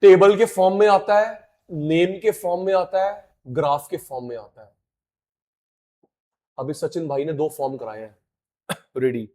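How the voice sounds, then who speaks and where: A middle-aged man teaching a classroom lecture, animated, chanting terms with drawn-out stress. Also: a little high. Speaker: economics teacher.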